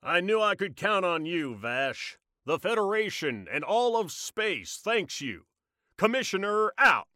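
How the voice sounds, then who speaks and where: A man voicing a blustery male space police commissioner who speaks in a gruff, dramatic way. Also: sits high, big pitch swings, a little slow, bright, forceful tone, full character voice. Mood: grateful.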